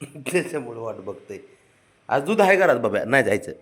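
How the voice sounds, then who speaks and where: A man's voice: very animated, a little fast. Man coaxing his cats in sing-song. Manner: coaxing and teasing, swinging between soft murmurs and high sing-song pleading. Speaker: cat owner vlogger. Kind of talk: casual talk to pet cats. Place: at home.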